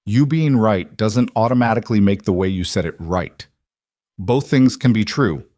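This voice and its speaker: A calm, patient single father with a gentle, measured way of talking, heard in a storybook reading, voiced by a male narrator. The voice is low and dry. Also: dry recording, natural voice.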